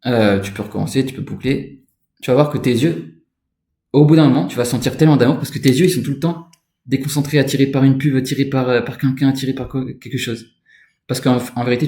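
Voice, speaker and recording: Man, middle pitch, informal instructor, rambling, echoey room. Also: darkish tone. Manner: informal, rambling, addresses listener directly as tu. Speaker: spiritual energy instructor. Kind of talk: casual spoken lesson.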